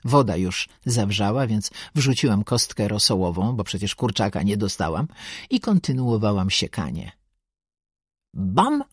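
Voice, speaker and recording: A woman's voice: a bass voice, expressive, moderate pace, slightly rough, no echo. A woman narrating a first-person audiobook with a sardonic, bossy and dryly comic manner, close to the mic.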